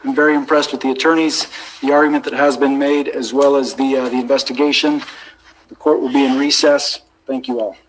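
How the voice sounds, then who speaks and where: A man with an American accent speaking as a judge, giving a measured, deliberate formal ruling from the bench. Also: mid-range voice, level tone, rough recording. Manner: measured, deliberate, procedural phrasing. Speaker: judge presiding over a court hearing. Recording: courtroom recording with background noise.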